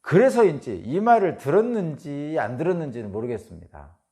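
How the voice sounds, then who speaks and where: Male pastor, dawn sermon; lively delivery with a gravelly edge, chatty, acts out quotes. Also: a little high, fairly quick. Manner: conversational, retells the scene by acting out quotes; many hesitant fillers and restarts.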